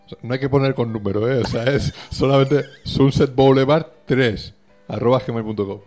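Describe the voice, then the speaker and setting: A man's voice: mid-range voice, moderate pace, a little mellow. Guy hosting a radio show, easy and laughing, faint music behind. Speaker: radio host. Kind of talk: casual radio chat.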